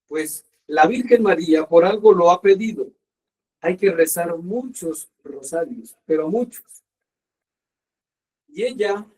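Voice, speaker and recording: A man giving a sermon as a priest, earnest and emphatic, slowing down to stress his points. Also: on the high side, a little mellow, far from the mic, poor audio. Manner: earnest, slow emphatic preaching with pauses.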